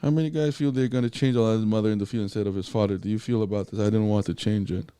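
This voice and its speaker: A man's voice: on the low side, steady tone, rapid-fire, warm tone, clear, resonant tone. A man co-hosting a casual movie review podcast, who talks bluntly and swears freely. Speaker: podcast co-host.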